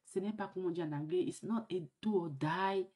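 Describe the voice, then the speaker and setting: Sick with the flu, a woman hosts a casual vlog monologue, speaking earnestly and reflectively while often hesitating and restarting, with many fillers. Her voice is on the low side and a little mellow.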